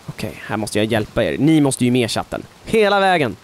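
This male gaming YouTuber keeps up constant talk while playing a horror game, dropping to whispers one moment and yelping loudly the next. He speaks at a medium pitch with big swings up and down.

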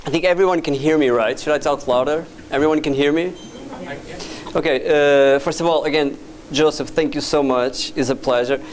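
A Portuguese man in his thirties, a VJ and doctoral student appearing as a guest speaker, gives a casual, halting talk in a dim lecture hall with a projector screen. His voice is fairly high, and he hesitates often with many fillers and restarts. A far camera at the back of the room records him.

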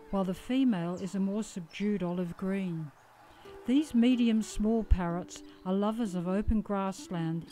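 A woman with an Australian accent and medium pitch provides calm, scripted voice-over narration for a nature documentary.

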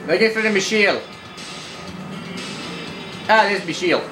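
A man's voice: sits high, normal speed, music in the background, low-quality recording. A man casually narrating a driving game, rambling and joking at himself while role-playing his character. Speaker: gameplay commentator.

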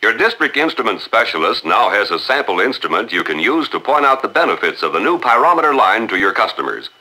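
A man hosting and narrating a 1950s newsreel in a crisp, upbeat announcer manner. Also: lowish voice, very animated, quick pace, sharp tone, low-quality recording. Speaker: newsreel host.

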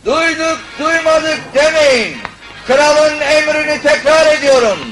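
High-voiced royal town crier. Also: male voice, fairly even intonation, slow pace, poor audio. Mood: solemn proclaiming. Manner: town crier, loud declamatory proclamation. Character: young male royal town crier proclaiming the king's decree. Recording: old film soundtrack with music.

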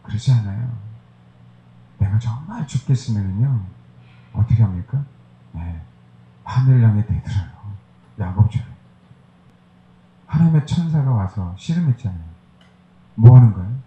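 A man's voice: on the low side, expressive, normal speed, long pauses, mellow, echoey room, muffled recording, slight background noise. A male pastor preaching a sermon, hammering his points with rhetorical questions to the congregation.

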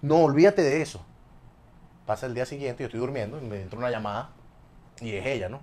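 A young man with a Venezuelan accent telling a personal story in casual chat, acting out the dialogue as he goes. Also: medium pitch. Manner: fast, animated, acts out quoted dialogue. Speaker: guest.

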